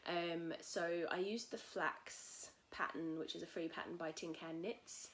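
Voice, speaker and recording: A woman hosting a casual knitting podcast from home, a little husky from a cold, chatting in a rambling way with many fillers. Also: lowish voice, steady tone, a little slow, a bit bright. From England. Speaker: podcast host. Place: at home in a tiny house. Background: cockatoos calling outside.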